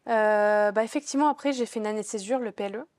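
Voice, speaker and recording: A young woman who studies at business school answers interview questions in a casual, chatty way, full of fillers and restarts. Her voice sits at medium pitch with a darkish tone, she talks quickly, and the recording is dry.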